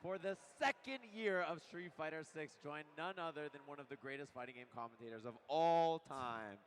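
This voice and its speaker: A man's voice: fairly high pitch, brisk, bright, forceful tone, a little hiss or hum. A man giving emphatic, announcer-style commentary at a live esports event. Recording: music playing behind live stage commentary.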